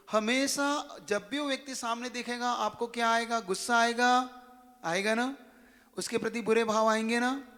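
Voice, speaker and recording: A high-pitched male preacher gives a sermon to young students. He tells his lesson as a story and asks them rhetorical questions as he goes. A long hall reverb trails his words. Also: a bit bright. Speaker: religious preacher.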